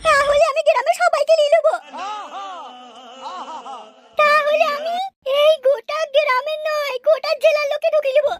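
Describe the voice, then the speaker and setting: In a cartoon, a woman voices a brash, vain, quarrelsome village woman who is insistent, boastful and indignant. Her voice is very high, with a level tone and normal speed, and she pauses often. The track is noisy and has clicks.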